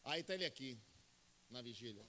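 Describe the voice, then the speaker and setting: A man with a Brazilian Portuguese accent preaching a sermon as pastor, emphatic, swinging from loud high bursts to low intimate asides while he tells stories. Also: lively intonation, brisk, long reverb tail. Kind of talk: Pentecostal-style sermon with storytelling.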